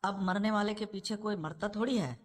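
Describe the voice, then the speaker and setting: A woman's voice: mid-range voice, close to an everyday voice. A woman voicing a young man in a novel reading, an earnest son who presses his point. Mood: pleading.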